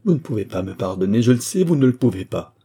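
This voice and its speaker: Brief: ashamed young woman, tearful and begging, voiced by a husky man, storybook. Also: mid-range voice, very animated, fast, warm tone. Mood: despairing. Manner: pleading, tearful. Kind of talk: audiobook reading.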